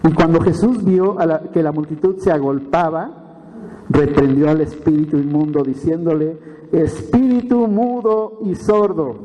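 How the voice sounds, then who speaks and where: A man preaching a sermon as pastor, retelling the story with animated asides and frequent tag questions to the congregation. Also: fairly high pitch, normal speed. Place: church hall. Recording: long church reverb.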